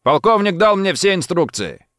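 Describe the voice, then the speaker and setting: A man voicing a loud, eager male henchman who shouts. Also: high-pitched, big pitch swings, normal speed, dry recording, clean studio sound, pitched above the performer's own voice. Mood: shouting.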